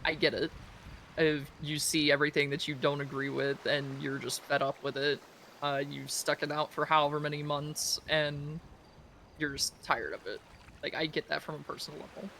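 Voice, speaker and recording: A man talking in character as a law enforcement officer in a roleplay, measured and hedging, with many fillers. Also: on the high side, flat delivery, gravelly, sharp tone, slight background noise.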